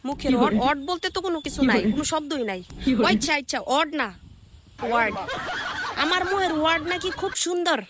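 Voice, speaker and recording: A woman's voice: high-pitched, animated, rapid-fire, noisy background. A woman with a colloquial Bangladeshi accent, ranting sarcastically in a scolding reaction video, recorded on a phone. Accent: Bangladeshi colloquial Bengali. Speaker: content creator.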